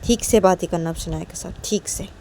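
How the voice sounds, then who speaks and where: A woman's voice: medium pitch, moderate pace, darkish tone, a little hiss or hum, voice pushed up, natural voice. A woman voicing a defiant young woman who insistently repeats her warnings to her mother.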